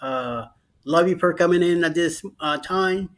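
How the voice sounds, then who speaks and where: A man's voice: high voice, unhurried. Tired, rambling male livestream host. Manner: rambling, with many fillers and restarts. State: tired after hours of streaming. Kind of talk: casual late-night livestream chat.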